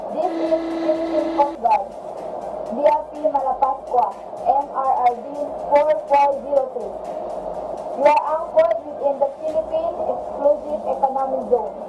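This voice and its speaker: A woman's voice: high voice, moderate pace, music in the background, low-quality recording. A woman coast guard radio operator reading a formal challenge over marine radio, spelling out numbers and call signs evenly. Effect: marine radio transmission.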